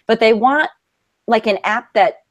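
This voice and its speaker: A woman teacher chatting casually in an online book club, telling stories with animated, self-mocking humor. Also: on the high side, measured pace, no room sound, lo-fi sound.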